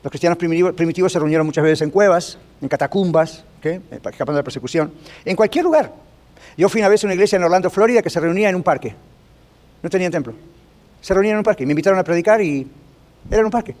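A man gives a sermon-style Bible lesson to his congregation. His voice sits a bit high, and he speaks very quickly. His tone is conversational, and he keeps turning to the listeners with questions. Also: darkish tone. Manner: rapid, conversational, asks the audience questions often. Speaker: pastor teaching a church class. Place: large rented gym used for church meetings.

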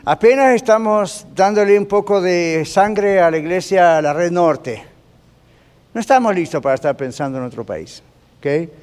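A male pastor delivers a teaching sermon, his voice sitting a touch high for a man. He talks to the congregation conversationally, keeps asking if they follow, and mixes English fillers into his Spanish. His voice rings with the long reverb of a church hall. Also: animated, moderate pace, darkish tone.

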